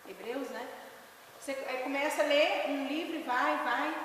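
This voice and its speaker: High-voiced woman pastor in an echoey hall. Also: moderate pace, slight background noise. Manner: lively storyteller, often asks "né?". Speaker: pastor teaching a discipleship class. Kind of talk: informal teaching with anecdotes. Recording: echoey hall, distant mic.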